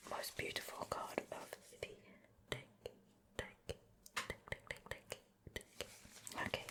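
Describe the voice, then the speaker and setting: An ASMR creator gives a gentle, unhurried show and tell, her soft, breathy whisper very close to an ear-to-ear microphone.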